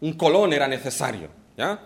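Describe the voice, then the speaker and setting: A man's voice: a little high, sing-song, moderate pace, vocal fry. A man preaching a sermon, asking the congregation rhetorical questions and making playful asides. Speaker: pastor.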